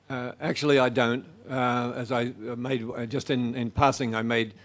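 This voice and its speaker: A man answering audience questions after a lecture. He speaks in a halting, thoughtful way, pausing often and restarting his sentences. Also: mid-range voice, little pitch movement. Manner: hesitant, many fillers and restarts. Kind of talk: public talk Q&A.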